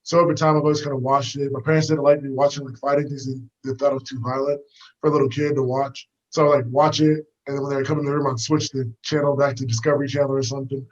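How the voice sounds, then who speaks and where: A man's voice: medium pitch, little pitch movement, fast, highs cut off. A young man from the United States, a fighter guest, talking about his past in an easygoing, rambling way with lots of fillers while out on a walk. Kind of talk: casual storytelling interview. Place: walking outdoors.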